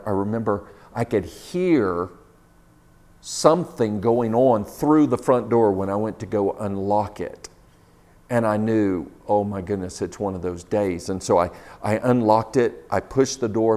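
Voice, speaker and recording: A man's voice: lowish voice, warm tone. A middle-aged man telling a personal story in a sermon, in a conversational, laughing storyteller's manner.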